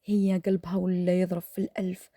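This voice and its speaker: A woman with an Algerian accent telling a dramatic story in a hushed, half-whispered voice while cooking, close to the mic. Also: on the low side, little pitch movement, quick pace, no room sound. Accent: Algerian Arabic.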